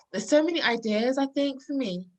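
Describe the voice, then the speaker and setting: A woman's voice: high voice, animated, normal speed. A woman in her thirties from London, a podcast guest speaking earnestly and reflectively, often laughing. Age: 30s. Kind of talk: casual interview talk.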